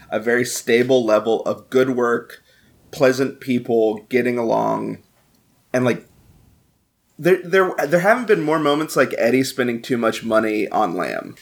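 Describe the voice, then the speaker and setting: A man with a mid-range voice speaks on a relaxed podcast panel. He lays out his view in a measured, thoughtful way. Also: mid-range voice. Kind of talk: casual chat.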